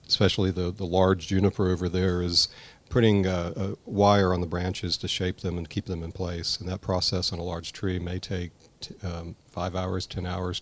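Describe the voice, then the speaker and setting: A man being interviewed as a bonsai expert, answering in a thoughtful, halting way. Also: sits low.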